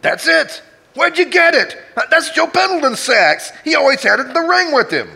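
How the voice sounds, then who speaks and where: An actor playing an excitable, nervous male fight manager who stammers, in a 1940s radio drama. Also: very high voice, moderate pace, vocal fry, exaggerated voice. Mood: flustered. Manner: flustered, stammering.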